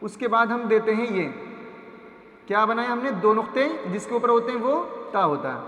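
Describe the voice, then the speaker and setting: High-voiced man drilling syllables in a hall. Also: expressive, sharp tone. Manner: drills syllables, asks and answers his own questions; stretches long vowels slowly. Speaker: Quran reading teacher. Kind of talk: patient step-by-step phonics lesson.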